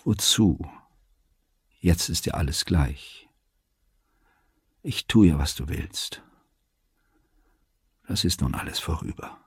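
A man's voice: deep voice, animated, normal speed, darkish tone, breathy edge, no echo, studio quality, exaggerated voice. A man reading an audiobook and voicing a proud, bitter young woman of the gentry in a passionate, scornful way. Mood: weary.

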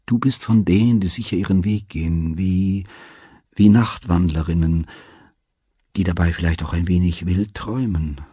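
A man reading an audiobook and voicing a calm, weary aging father who speaks softly and in a measured way. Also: low-pitched, husky, no echo, clean studio sound. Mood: gentle. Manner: soft, measured, tired.

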